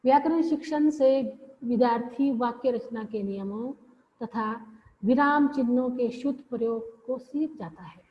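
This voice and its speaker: A woman giving a classroom lecture, explaining slowly and repeating phrases with pauses. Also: a little high. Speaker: teacher. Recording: dull lo-fi audio with long reverb.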